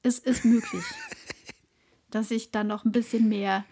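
A woman's voice: on the high side, steady tone, measured pace, mellow, slight background noise. A woman in her twenties co-hosting a podcast in casual chat, talking with many hesitations and laughing easily. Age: 20s. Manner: chatty, hesitant with frequent fillers, laughs easily. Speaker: podcast co-host.

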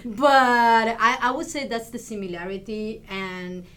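A woman's voice: a little high, fairly even intonation, unhurried, fairly bright tone. A woman from Argentina, a Spanish lecturer, answering interview questions in a thoughtful way with many restarts and small laughs.

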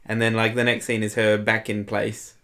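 Man, gravelly, bright edge, laid-back podcast chat, dry humor. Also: fairly low pitch, normal speed. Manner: relaxed, dry, uses lots of fillers. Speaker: podcast co-host. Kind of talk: casual chat.

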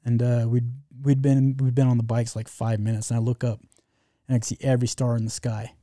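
Fairly quick and loosely rambling, a man tells a long adventure from his travels, stumbling through fillers and restarts as a guest storyteller. His voice sits at a normal pitch but sounds very dark and mellow, and the recording is dry and close.

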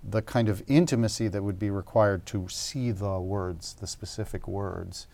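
A male interviewer asks an artist thoughtful, probing questions. His voice is a little low with a gravelly edge. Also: fairly even intonation, normal speed, darkish tone.

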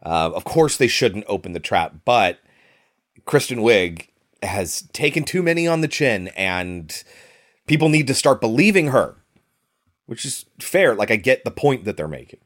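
A man's voice: fairly low pitch, sing-song, measured pace, fairly bright tone. A man talking casually and sarcastically while reviewing a film, with the odd swear.

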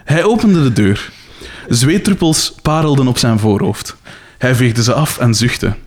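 A man's voice: medium pitch, expressive, measured pace. A young Flemish man hosting a podcast, reading a comic story aloud in a playful, amused way. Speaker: podcast host.

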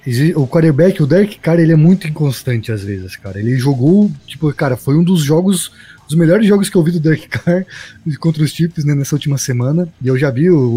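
Mellow, slightly husky Brazilian man. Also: mid-range voice. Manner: slangy, rambling. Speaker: sports live stream panelist. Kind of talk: casual football chat.

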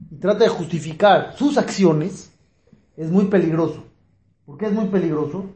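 In an echoey room, a high-voiced rabbi with a darkish tone gives a Torah lecture. He quizzes his listeners and plays the people in his stories for laughs.

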